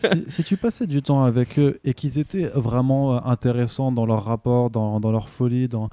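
A man co-hosting a casual podcast chat, talking excitedly and often tripping over repeated words. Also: medium pitch, moderate pace, smooth, no echo. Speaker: podcast co-host. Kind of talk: casual chat about a series.

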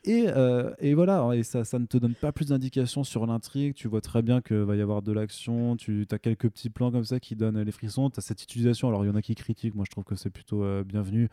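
A man in his thirties co-hosts a podcast, rambling through casual chat with plenty of fillers and restarts. He talks fast with few pauses, in a mellow, mid-range voice of fairly even intonation. The recording is dry and studio quality.

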